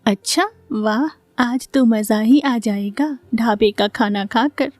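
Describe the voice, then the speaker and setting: A woman's voice: fairly high pitch, a little slow, dark tone, no room sound, lightly acted. A woman voicing a dramatic, scheming mother-in-law who talks theatrically and often sounds exasperated. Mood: proud.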